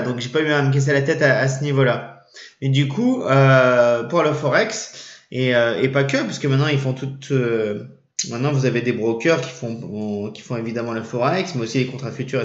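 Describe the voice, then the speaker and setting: Hesitant man in a roomy lo-fi recording. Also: mid-range voice. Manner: hesitant, many fillers and restarts. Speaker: trading channel host. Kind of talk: casual explainer vlog. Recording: roomy, dull lo-fi sound.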